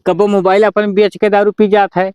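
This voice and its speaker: A man's voice: high-pitched, level tone, fairly quick, a little mellow, clean tone, no echo, clean studio sound, close to an everyday voice. A man playing an exasperated, hard-working village father who grumbles in an Awadhi accent in an amateur comedy sketch. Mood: worried, complaining. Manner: complaining, grumbling.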